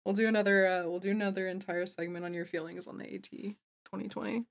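A woman's voice: mid-range voice, fairly even intonation, fast talker, vocal fry, no echo. A woman co-hosting a podcast in casual chat, with a teasing, dry manner. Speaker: podcast co-host.

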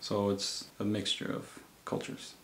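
A man in a documentary interview, speaking in a flat, reflective way. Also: on the low side, unhurried, roomy sound, a little hiss or hum.

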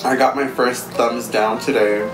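A man's voice: mid-range voice, little pitch movement, a little slow. Young man chatting while eating, echoey room. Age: young adult. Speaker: vlogger, mukbang host. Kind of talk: casual chat over a meal. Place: living room, indoors. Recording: roomy echo, music behind.

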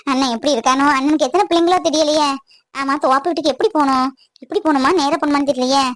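A woman plays a homesick younger sister in an animated drama, wistful and close to tears. Her voice is very high and soft. The recording is dry and close. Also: rapid-fire, dry recording, close to an everyday voice. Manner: emotional, tearful, wistful. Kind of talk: cartoon voice acting.

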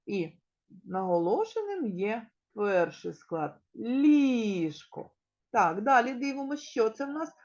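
A woman kindergarten teacher with a Ukrainian accent gives a slow, clearly articulated literacy lesson, stretching out key words and asking the children questions. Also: a little high, very animated, lo-fi sound. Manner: addresses children directly and asks them questions. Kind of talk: recorded preschool literacy lesson.

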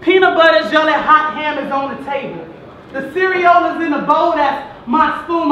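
A woman performing spoken word poetry on stage, rhythmic and rising to shouts. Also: sits high. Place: large hall. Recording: echoey hall from far off.

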